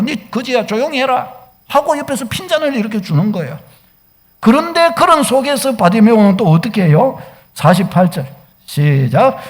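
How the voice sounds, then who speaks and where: Male pastor with a very high voice, preaching with insistent rhetorical questions. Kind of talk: sermon. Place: church sanctuary.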